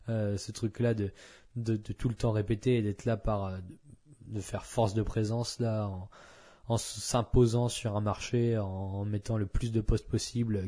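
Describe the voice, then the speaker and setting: A man's voice: on the low side, mellow. A man hosting a solo podcast, talking casually and frankly with many fillers and restarts. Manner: blunt and frank. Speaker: podcast host.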